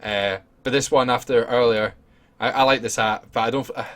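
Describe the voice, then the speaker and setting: A man hosting a casual podcast chat, jokey and quick to laugh. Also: mid-range voice, steady tone, fairly bright tone. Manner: giggly, jokey, laughs often. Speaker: podcast host.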